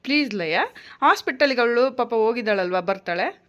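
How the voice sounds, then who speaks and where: Gentle young mother, slightly high voice. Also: lively intonation, normal speed, highs cut off. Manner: gentle, coaxing and reassuring. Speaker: mother and home vlogger. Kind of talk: casual home vlog chat.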